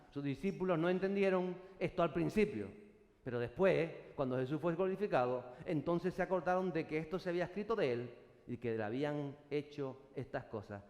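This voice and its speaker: A man preaching a sermon to his congregation, now and then breaking into loud shouted acclamations. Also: fairly high pitch. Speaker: pastor. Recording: echoey hall, long reverb.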